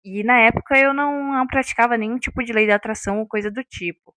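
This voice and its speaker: Chatty woman, rather high voice. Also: fast talker, sharp tone, dry recording. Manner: chatty, checks in with listeners often. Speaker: vlogger. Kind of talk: unscripted casual vlog talk.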